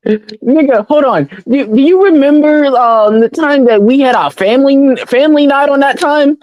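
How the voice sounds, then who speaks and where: A young woman chatting with friends in a blunt, excitable way, full of slang and swearing. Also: high-pitched, normal speed, dry recording, dull audio. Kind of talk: casual chat.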